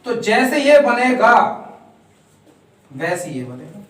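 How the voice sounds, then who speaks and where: A man's voice: very high-pitched, sing-song, slow pace. A man teaching a shorthand lesson step by step, counting out strokes and answering his own questions. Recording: very echoey room, voice far from mic.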